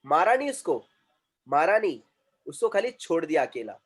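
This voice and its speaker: A man's voice: a little high, very animated, moderate pace, slightly rough. A male communication trainer, lecturing a class and often repeating himself and quizzing students.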